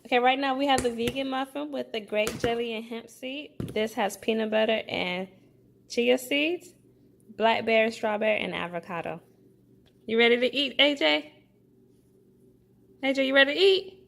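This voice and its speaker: Recorded outside in a park amid ambient noise, a young mother casually vlogs while teaching her toddler, prompting in a sing-song way. Her voice is on the high side and creaky, at a moderate pace with long pauses.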